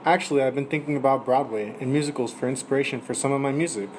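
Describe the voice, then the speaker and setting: In a noisy amateur recording, a man plays a polite, enthusiastic aspiring musician being interviewed on 1920s radio, with an earnest mood. His medium-pitched voice is close to an everyday one and moves quickly.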